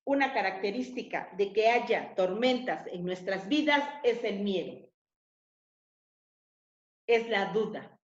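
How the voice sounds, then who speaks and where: A woman's voice: medium pitch, expressive, slow, long pauses. A woman giving a sermon who keeps asking her listeners short rhetorical questions. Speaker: preacher. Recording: echoey, slightly dull room sound.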